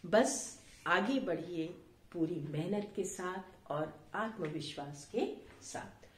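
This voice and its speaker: Slow, deliberate woman teacher. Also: fairly low pitch, reverberant. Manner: slow, deliberate, addresses pupils as dear children, with frequent pauses and fillers; acts out example sentences with exclamations. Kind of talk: recorded Hindi grammar lesson for children.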